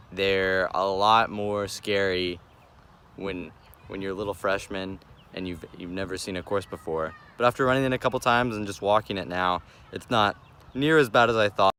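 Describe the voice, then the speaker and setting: A man's voice: deep voice, sharp tone, smooth. A young male runner outdoors, reflecting hesitantly on a race course.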